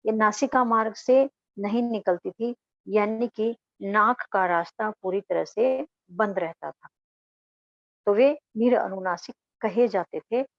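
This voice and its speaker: Slow Hindi grammar teacher woman. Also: medium pitch, darkish tone, no room sound. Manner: slow, asks questions then answers them herself. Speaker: school teacher. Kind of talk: grammar lesson. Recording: dull, dry lo-fi recording.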